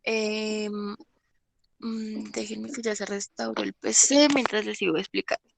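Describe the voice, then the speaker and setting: A woman's voice: medium pitch, steady tone, unhurried, gravelly, no room sound. A woman teaching an English class online, explaining patiently and often checking that students follow. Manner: patient, checks understanding with frequent "¿listo?".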